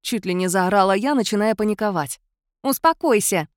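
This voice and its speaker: A woman narrating a first-person audiobook in an even storytelling manner. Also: medium pitch, fairly quick, no echo, clean studio sound.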